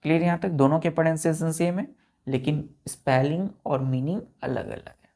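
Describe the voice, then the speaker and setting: A man teaching an English vocabulary lesson to exam students, spelling each word out letter by letter and often checking that it is clear. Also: a little high, fairly even intonation, moderate pace, warm tone. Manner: spells words letter by letter and keeps asking if it is clear.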